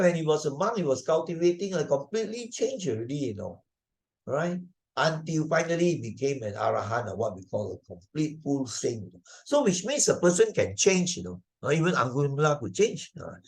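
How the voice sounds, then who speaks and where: An older Malaysian-accented man delivers a conversational moral lesson for an online video, repeating key points with emphasis and often checking in with tag questions. He speaks at a moderate pace in a slightly high, sing-song voice with vocal fry.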